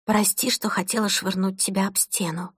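A woman voicing a harried young mother who scolds briskly, then turns soft and soothing. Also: fairly high pitch, no room sound, studio quality.

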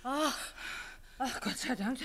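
A woman's voice: slow, crowd noise. An actress in a 1940s radio drama playing a frightened, fretful respectable woman. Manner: shrill, fretful.

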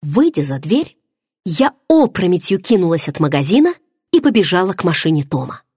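A woman's voice: lowish voice, very animated, moderate pace, a little mellow, slightly rough, no echo, studio quality. A woman narrating an audiobook in the first person, telling the story expressively. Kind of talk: scripted narration.

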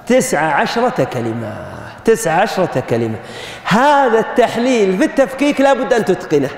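High-voiced man lecturing in an echoey hall. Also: darkish tone. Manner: explains step by step, quizzing the students. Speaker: grammar lecturer. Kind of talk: classroom lecture. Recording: echoey hall with long reverb.

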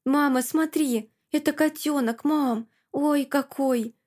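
A woman reading an audiobook, voicing an excitable little girl who talks breathlessly and pleads. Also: sits high, pitched above the performer's own voice. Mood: excited. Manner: breathless, pleading, quick to whine. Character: excitable little girl, eager and wide-eyed.

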